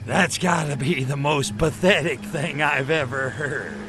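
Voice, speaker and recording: An actor playing a sarcastic, brash alien invader in a video game. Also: male voice, a little high, unhurried, lightly acted. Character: cocky wisecracking male alien invader, sarcastic and trigger-happy. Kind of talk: video game character acting.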